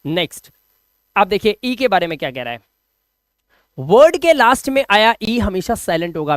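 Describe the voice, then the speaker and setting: A man's voice: sits high, no echo. A man giving an online video lesson on English pronunciation, explaining patiently in Hindi and dropping in English phrases. He keeps repeating each word and asking rhetorical questions to drill the point.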